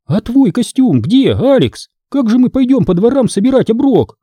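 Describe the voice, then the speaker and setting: An eager young girl with a high, lively, excitable voice , as a male audiobook reader puts her on. She talks in a quick, breathless rush, full of bright ideas, with a dark, husky grain beneath the lift. Close and dry on the microphone. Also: no echo, exaggerated voice. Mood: anxious. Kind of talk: audiobook character voice.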